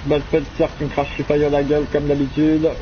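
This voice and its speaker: A man's voice: on the high side, completely flat delivery, quick pace. Swearing, panicky man narrating his gameplay. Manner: swears constantly, panicky, repeats words in bursts. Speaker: gamer playing solo. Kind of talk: live gameplay commentary. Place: at home at a game console. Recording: dull lo-fi sound with loud game noise.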